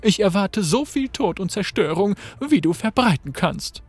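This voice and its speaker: A man's voice: high-pitched, sing-song, normal speed, husky, voice pushed up, exaggerated voice. A man reading as a scornful villainous sorceress. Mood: mocking.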